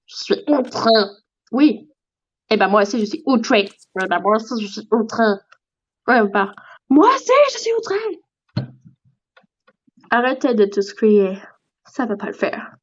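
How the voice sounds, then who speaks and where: A woman's voice: mid-range voice, highs cut off. A woman voicing an ancient, indignant female tortoise in a toy role-play on a livestream. She huffs and demands respect. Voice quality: huffy and pompous, keeps demanding respect.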